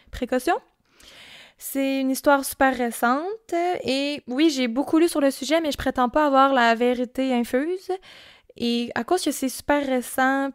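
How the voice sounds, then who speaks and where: A woman's voice: a little high, clean tone, dry recording, clean studio sound. A woman with a Québécois accent, hosting a true-crime podcast and telling the story in a casual, chatty way, with many fillers. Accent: Québécois French.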